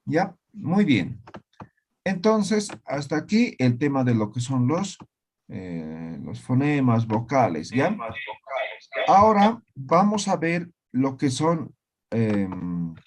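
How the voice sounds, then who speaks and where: A man teaching a language class online, slowly repeating words and often checking that students follow. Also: mid-range voice, very animated, slight background noise.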